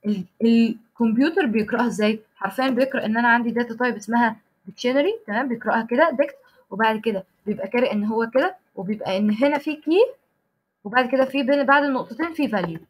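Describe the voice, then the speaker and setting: A woman's voice: fairly high pitch, racing, husky. A young woman with an Egyptian Arabic accent teaching a live online programming class. She explains each step, often stops to check that students follow, and corrects herself mid-sentence as she types. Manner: frequent restarts and self-corrections while typing code. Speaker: programming instructor. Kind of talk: live online coding lesson.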